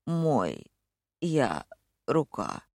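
A woman voicing a badly injured young woman who gasps out broken words in a faint, hoarse whisper. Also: very deep voice, wildly swooping pitch, very slow, darkish tone, dry recording, studio quality, pitched below the performer's own voice, full character voice. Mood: weak, hoarse. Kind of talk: audiobook character voice.

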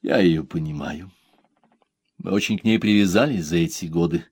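A man's voice: deep voice, moderate pace, a little mellow, husky. A man doing a subdued regretful older man.

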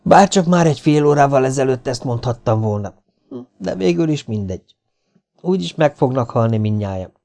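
A man reading the lines of a calm, sorrowful man in an audiobook, with quiet certainty. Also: mid-range voice, vocal fry, pitched above the performer's own voice. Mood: sombre.

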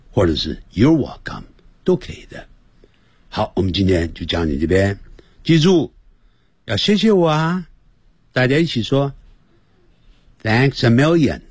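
A man hosting a radio language lesson, speaking slowly and drilling each phrase over and over. His voice is a little husky, his pitch swings widely, and he jokes with his listeners as he goes. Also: no room sound, clean studio sound. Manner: animated, drills pronunciation by repeating phrases. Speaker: English teacher on radio.

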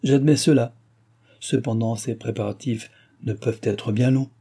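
A man reading a novel aloud, voicing a young royal princess who is brisk, gracious and commanding. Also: medium pitch, steady tone, creaky, husky. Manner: brisk, imperious, graciously warm. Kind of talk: audiobook character reading.

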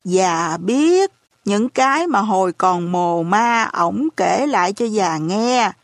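A woman voicing a hard-of-hearing elderly landlady who speaks in a slow, lamenting, folksy way. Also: medium pitch, lively intonation, no room sound, studio quality. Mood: lamenting, gossipy.

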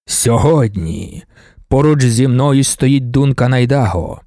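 A man voicing an ancient, commanding male god-emperor for an audiobook, speaking slowly and ceremonially. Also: lively intonation, dark tone, no room sound, studio quality. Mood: solemn. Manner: slow, booming, ceremonial pronouncements. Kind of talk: audiobook narration.

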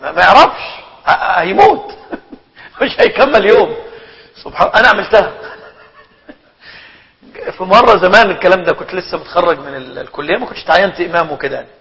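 A middle-aged man with an Egyptian Arabic accent, an imam giving a religious lesson, animated and humorous, posing rhetorical questions and answering them himself. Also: high-pitched, fairly quick, gravelly, pauses often. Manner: humorous, laughs while telling anecdotes. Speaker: imam teaching a religious book. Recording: muffled recording in a reverberant hall.

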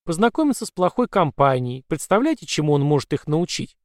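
A man's voice: a little high, fairly quick, no room sound, studio quality. A man doing a sugary possessed mother. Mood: sweet. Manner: sugary, calm, coaxing. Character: sweetly menacing possessed mother, woman.

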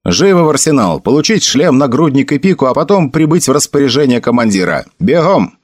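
A man voicing a quiet, stern army officer who speaks curtly and dryly. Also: medium pitch, sing-song, brisk, no room sound, pitched above the performer's own voice. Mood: barking orders. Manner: dry, curt, commanding.

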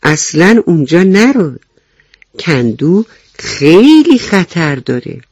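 A woman voicing a wise, cautious winged ant in a children's radio story, giving calm, kindly warnings. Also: fairly low pitch, no echo.

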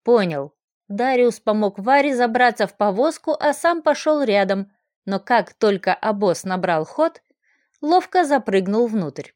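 A woman's voice: fairly high pitch, animated, a little slow, a little mellow, no room sound, studio quality. Woman narrating a fantasy audiobook.

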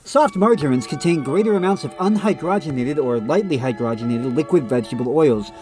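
With a slightly nasal voice, a podcast co-host reads text aloud on a relaxed show and then tosses in blunt comments of his own. He sounds a little high, animated, brisk and warm, with faint music behind.

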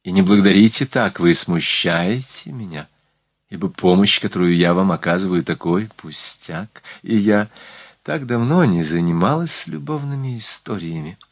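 A man's voice: deep voice, animated, normal speed, dry recording. A man reading aloud, voicing a worldly, gracious sultana who speaks in a slightly whispery, lisping, confiding way. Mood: reassuring.

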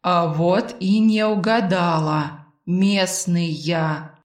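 A woman voicing a sly, slow-purring bodiless male spirit. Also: fairly even intonation, distant mic. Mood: teasing. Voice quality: soft purring baritone, sly and unhurried. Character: teasing disembodied male sleeper spirit with a tail. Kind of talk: audiobook character voice. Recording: roomy echo.

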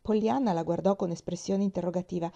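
Calm woman reading a story aloud. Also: fairly low pitch, fast, vocal fry. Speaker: reader. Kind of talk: audiobook narration.

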